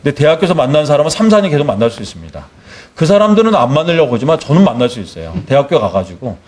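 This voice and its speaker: A man's voice: on the high side, rapid-fire. A middle-aged male missionary preaching a sermon, telling a personal story and acting out the dialogue. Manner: animated storyteller, acts out dialogue.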